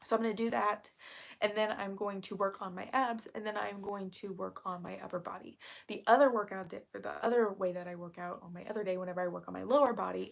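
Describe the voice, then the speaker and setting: A woman with heavy vocal fry keeps her voice down as she chats casually on a livestream, reading aloud and answering viewers. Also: on the low side. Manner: keeping her voice kept down and quiet. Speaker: live stream host.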